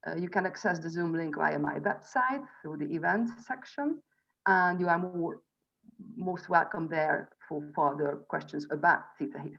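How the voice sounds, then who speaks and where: A Hungarian-accented woman in her forties, with a lowish voice, presents an online event as a theta healing instructor and spiritual coach. She picks her words in halting, deliberate phrases. Captured on a video call microphone, the sound is dull and lo-fi.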